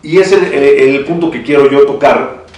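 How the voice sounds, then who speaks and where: A man's voice: medium pitch, moderate pace, darkish tone. A man with a Mexican accent in a panel discussion, talking with many restarts and chuckles. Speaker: citizen council member. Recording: echoey room from far off.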